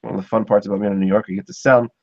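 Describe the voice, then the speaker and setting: Racing along in a fairly low, flat voice, a man from Ohio hosts a laid-back podcast chat full of rambling, fillers and chuckles. The recording is dry, with a dull, muffled quality.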